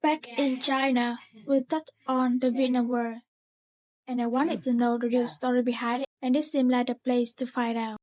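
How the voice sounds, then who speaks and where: A woman putting on a high, flat young tourist girl. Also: normal speed, no room sound, close to an everyday voice. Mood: curious. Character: young female Chinese tourist, curious. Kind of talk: student skit role-play. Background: background music.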